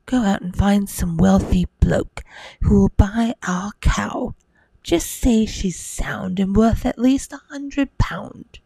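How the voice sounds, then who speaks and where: A woman voicing an angry, scornful mother in a hushed bedtime storybook reading, with a breathy, strained voice. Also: medium pitch, takes it slowly, no room sound, exaggerated voice, low-quality recording. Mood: bossy, grumbling.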